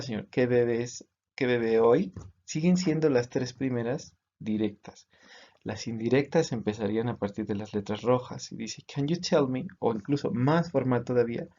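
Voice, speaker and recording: A man's voice: mid-range voice, dark tone, dull audio. A man teaching English grammar to students, patiently explaining in Spanish with English examples.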